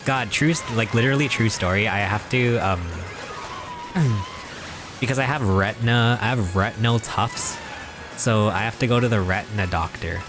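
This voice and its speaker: A young man with a somewhat low voice talks casually on a live stream while he plays, rambling through mock-serious jokes and chuckling along the way. Game music plays clearly in the background. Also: normal speed. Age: 20s.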